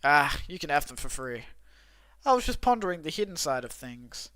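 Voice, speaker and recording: A man's voice: on the high side, very animated, moderate pace, a bit bright, no echo. A young man voicing a thoughtful male cafe customer from a game in a cowboy drawl, musing as he reads the lines aloud. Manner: reflective, musing. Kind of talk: reading game dialogue aloud.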